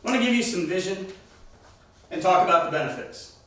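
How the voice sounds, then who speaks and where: Man, church teacher, emphatic lecture style, slightly high voice, very echoey room, distant mic. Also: animated, a little fast. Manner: emphatic, asks the class questions. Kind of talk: Bible class lecture.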